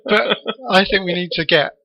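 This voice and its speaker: A man's voice: sits high, creaky, pushed and bright. A man co-hosting a podcast, chatting playfully about an old film and joking with his partner. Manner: playful, jokey, quick to agree. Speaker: podcast co-host. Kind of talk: casual film discussion. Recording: dull lo-fi podcast audio.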